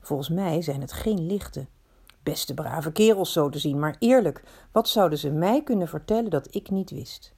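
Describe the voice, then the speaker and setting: A woman's voice: deep voice, expressive, moderate pace, creaky, darkish tone, slightly rough. A woman telling a story in the first person, in a reflective, confiding way that often asks itself questions.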